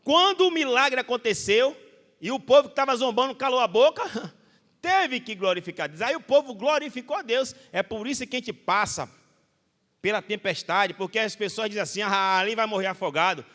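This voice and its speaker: A man's voice: extremely high pitch, normal speed. A Brazilian man preaching a Bible study sermon as pastor, telling stories with animation and acting out the voices of the people in them. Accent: Brazilian Portuguese. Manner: animated storytelling, acts out quoted voices. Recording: hall reverb.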